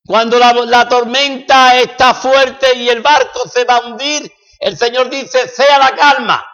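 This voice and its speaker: A man from preaching a sermon, swinging dramatically between loud declarations and hushed passages. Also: extremely high pitch, fairly even intonation, measured pace. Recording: echoey hall, dull lo-fi sound.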